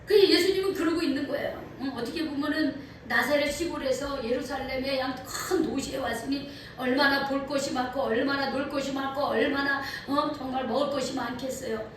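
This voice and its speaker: A woman pastor preaching a sermon in a church, animated and asking her congregation questions. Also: high voice, normal speed, slight background noise. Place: church sanctuary. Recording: echoey hall from far off.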